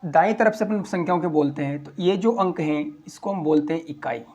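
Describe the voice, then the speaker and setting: A man teaching a school maths lesson, walking through place values slowly, step by step. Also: fairly high pitch, darkish tone, highs cut off. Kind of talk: classroom explanation.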